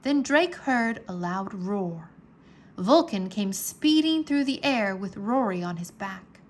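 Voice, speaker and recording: A woman of medium pitch narrates an adventure story meant for kids. Her storytelling is dramatic and expressive but measured.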